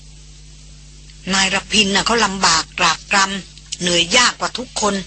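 A narrator voicing a humble, loyal male porter who speaks quietly and simply in a storybook reading. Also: high-pitched, fairly even intonation, fairly quick, slight background noise.

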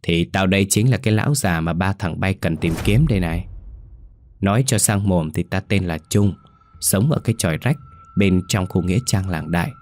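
A man voicing a gruff old ghost graveyard keeper. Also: deep voice, moderate pace, darkish tone, slight background noise. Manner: gruff, scolding, coarse.

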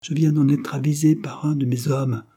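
A man's voice: mid-range voice, brisk, dark tone, breathy edge, pitched above the performer's own voice, lightly acted. A man doing a breathless young rebel. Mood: urgent. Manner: urgent, breathless.

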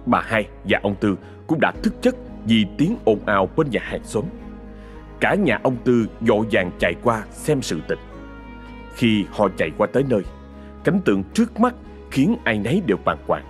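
At a moderate pace, a male storyteller with a Southern Vietnamese accent dramatically reads a ghost story. His delivery is sing-song, with pitch moving widely in every sentence, over faint background music.

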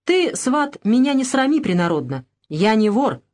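A woman's voice: fairly high pitch, big pitch swings, normal speed, a little mellow. A woman voicing a proud, stubborn old village grandfather who answers firmly and indignantly, in a spoken storybook. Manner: firm, indignant, calling out.

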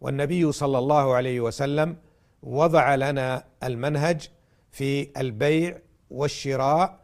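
A man's voice: medium pitch, fairly even intonation, moderate pace. A man giving a religious talk in formal standard Arabic, teaching in a didactic way and setting out his points one by one. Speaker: religious programme host and lecturer.

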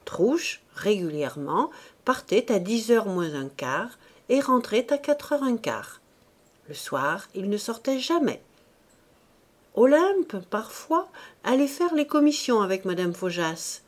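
Female narrator for a classic novel: slow, measured, with lively expressive intonation. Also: medium pitch. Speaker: audiobook reader.

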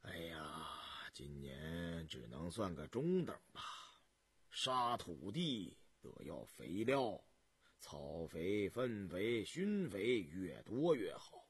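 A man's voice: sits low, very animated, takes it slowly, breathy edge, no echo, pitched below the performer's own voice, heavily acted. A man voicing a shrewd old male farmer who grumbles wryly in a folksy way, for an audiobook. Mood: grumbling. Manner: wry, complaining, folksy.

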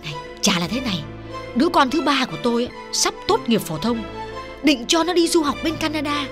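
A man's voice: very high-pitched, very animated, fairly quick, music in the background, pitched above the performer's own voice. A man voicing a middle-aged official's wife who pleads, chatters and confides a secret. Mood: pleading.

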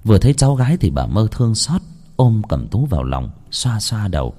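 A man with a fairly low voice narrates a scripted ghost story. His pitch rises and falls widely as he reads in a slow, dramatic, expressive way.

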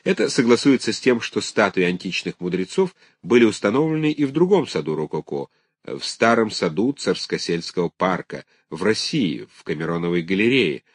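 Low-voiced man reading a scholarly book. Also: big pitch swings, normal speed, breathy edge, dry recording, clean studio sound. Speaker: audiobook narrator. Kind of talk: reading a scholarly text aloud.

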